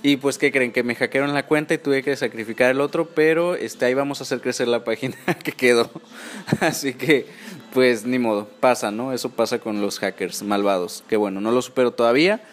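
A man's voice: medium pitch, brisk. A man with a Mexican accent hosting a podcast in a casual, gossipy chat, often tagging his phrases with little questions. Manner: chatty, informal, gossipy, often ends phrases with tag questions. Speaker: podcast host.

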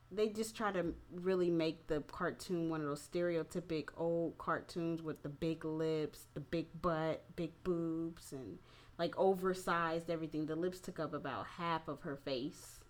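Female host, low register, mildly tipsy, blunt and informal, opinionated conversational delivery. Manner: candid, profane, informal slangy phrasing. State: a little tipsy. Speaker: podcast host. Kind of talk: casual opinionated talk.

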